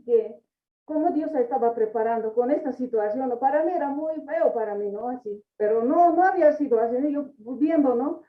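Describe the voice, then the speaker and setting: A woman giving a halting personal testimony in church, tagging nearly every phrase with a question. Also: high voice. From Bolivia. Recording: echoey hall from far off, tinny phone-like sound.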